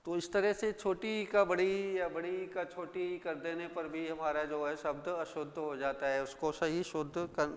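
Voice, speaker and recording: A male teacher giving a grammar lesson, who repeats each word slowly and asks his own questions and answers them. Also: a little high, level tone, in a large hall.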